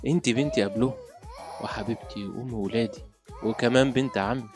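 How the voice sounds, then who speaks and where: A man plays a fond young husband in a radio drama, chuckling as he teases his wife in an Egyptian accent. His voice sits in a middle pitch, and faint music plays under it. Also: fast, a little mellow, natural voice. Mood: teasing. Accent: Egyptian Arabic. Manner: laughing, playful teasing. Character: teasing, doting young husband and father.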